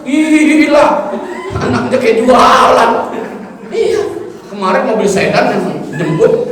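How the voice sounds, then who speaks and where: Male preacher, humorous and animated, mimics chanting; booming mosque reverb. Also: slow, a faint crowd. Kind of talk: mosque study sermon. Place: large mosque hall. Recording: echoey hall, mic from far off.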